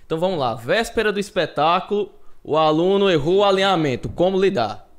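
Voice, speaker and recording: A man interviewing a teacher in a relaxed, playful way, asking questions. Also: sits high, a little fast. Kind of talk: casual interview chat.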